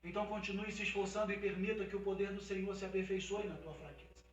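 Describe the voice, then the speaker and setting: A man's voice: high-pitched, fairly even intonation, quick pace, echoey room, recorded from a distance, lo-fi sound. A man with a Brazilian Portuguese accent preaching an emphatic sermon as a pastor at a livestreamed church service. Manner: emphatic preaching that builds to a fervent, loud climax.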